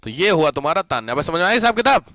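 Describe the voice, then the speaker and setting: A male Hindi teacher lectures his class with a high, bright voice, working through example sentences step by step. He keeps asking whether everyone has followed and drops English words into his Hindi. The sound is dry and close. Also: very animated, no room sound. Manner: keeps checking if students understood, repeats examples slowly.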